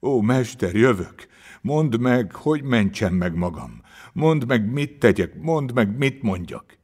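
A man's voice: mid-range voice, very animated, darkish tone, breathy edge, long reverb tail, pitched above the performer's own voice. A man doing a sobbing, desperate wretch. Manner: sobbing, breathless cries.

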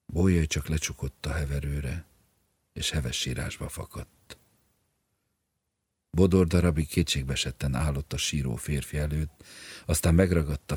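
A man narrating an audiobook in a measured, grave manner. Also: very deep voice, steady tone, darkish tone, husky, no room sound.

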